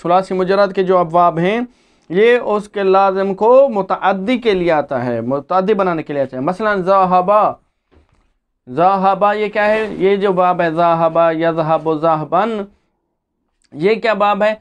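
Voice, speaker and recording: A man's voice: sits high, clear, resonant tone. A male seminary teacher giving a classroom grammar lesson, reading rules aloud, explaining them, and chanting word forms in long lists. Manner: asks the class questions then answers them himself.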